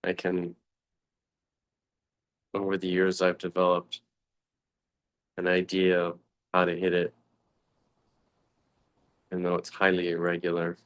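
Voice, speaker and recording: A male meditation teacher leads a guided session, speaking contemplatively in short phrases separated by long pauses. His low-pitched voice has a clear, resonant tone and a completely flat delivery.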